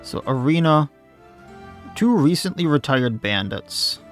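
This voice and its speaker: A let's play host, his voice a bit hoarse as if he's losing it, chats casually about his own gameplay and thinks out loud while playing. He speaks fairly high, very animated yet unhurried, with soft music in the background.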